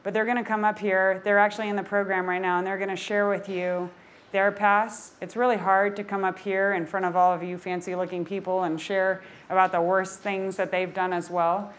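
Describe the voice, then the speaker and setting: A woman who founded a nonprofit, giving a passionate, energetic talk on stage while presenting slides. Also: medium pitch, brisk.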